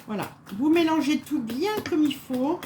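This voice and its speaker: A woman talks viewers through a recipe in a loose, rambling way, full of fillers and asides. She sounds tired and a little on edge from a bad night. Her voice sits fairly high, with a faint hiss of room noise behind her. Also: moderate pace, darkish tone. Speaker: home cook presenting a recipe. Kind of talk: casual live cooking chat, answering viewers.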